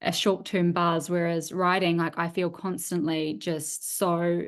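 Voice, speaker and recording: A woman's voice: on the low side, flat delivery, a little slow. A woman in her thirties with a New Zealand accent, an author talking casually on a video call, rambling and hesitant with many restarts. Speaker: author guest. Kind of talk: casual interview chat. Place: home.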